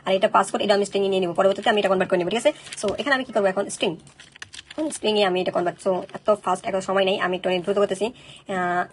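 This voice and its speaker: A woman teaching a coding tutorial, talking fast and checking in with listeners after each step. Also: mid-range voice, fairly even intonation, slight background noise. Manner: rapid, keeps checking in with "okay?". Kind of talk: screen-recorded coding tutorial.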